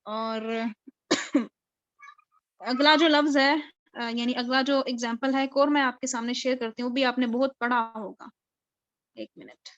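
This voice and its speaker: A woman's voice: a little high, steady tone, pauses often, a bit bright, no room sound. A woman teaching a live online recitation class, explaining step by step and answering her own questions. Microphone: video call. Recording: dull lo-fi video call audio.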